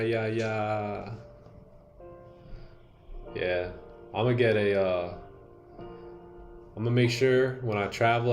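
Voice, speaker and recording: A laid-back man hosting a live stream, talking loosely in slang and calling out viewers by name. His voice sits fairly low, with faint music playing underneath. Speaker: livestream host and day trader. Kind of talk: casual livestream chat.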